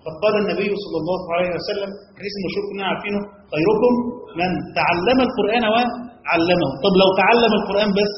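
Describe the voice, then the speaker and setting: A man with an Egyptian Arabic accent teaching a classroom lecture on Quran commentary, quizzing listeners with quick questions and reciting verses slowly. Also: high-pitched, a little hiss or hum. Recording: echoey hall, dull lo-fi sound.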